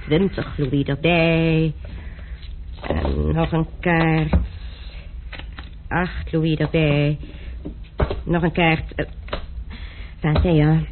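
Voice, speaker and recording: Pitched on the high side, this young adult actor gives an animated, full character voice to a young male gambler and duelist in a radio play. His tone stays dry, mocking and unhurried over a tinny, hiss-laden lo-fi recording.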